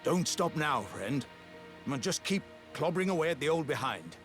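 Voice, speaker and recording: Voicing a jolly, self-important yet kindly warrior jar come to life, a man with a British accent speaks in a slightly high, highly animated voice at moderate speed. His theatrical fantasy-game delivery is grand and full of old-fashioned gentlemanly turns of phrase, set over background music.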